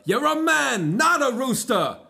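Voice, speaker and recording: A man's voice: very high voice, sing-song, measured pace, creaky, heavily acted. A man doing a blustering, exasperated old king. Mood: scolding. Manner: blustering, shouts when frustrated.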